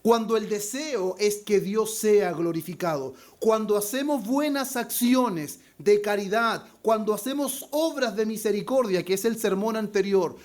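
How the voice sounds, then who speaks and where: A pastor preaching an expository sermon, calling his listeners brothers and slowing down with added force when he quotes scripture. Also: high voice, a little mellow. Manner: slows down and rises in volume on scripture quotes.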